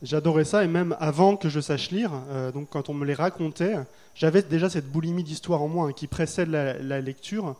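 A man's voice: fairly high pitch, normal speed, few pauses, darkish tone. A man from France, an author being interviewed, speaking thoughtfully with frequent hesitations. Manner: thoughtful, hesitant with many fillers. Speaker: author guest. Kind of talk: festival interview.

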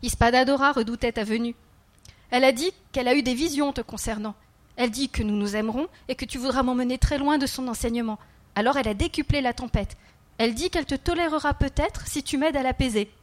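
Woman playing a serene little boy spirit, soft and a bit high. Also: fast, close to an everyday voice. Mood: gentle. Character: small otherworldly boy child, calm and gentle.

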